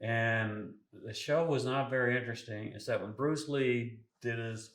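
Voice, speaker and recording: An older man in his sixties hosts a relaxed chat, laughing easily and letting his sentences drift off. His voice sits at a middle pitch, and the room around him is echoey. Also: unhurried. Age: 60s. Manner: easygoing, laughs often, trails off mid-thought. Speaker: podcast host. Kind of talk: casual chat.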